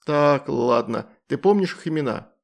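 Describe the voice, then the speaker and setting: A man voicing an exasperated adult wizard who asks clipped, sharp questions. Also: mid-range voice, expressive, normal speed, creaky. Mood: stern.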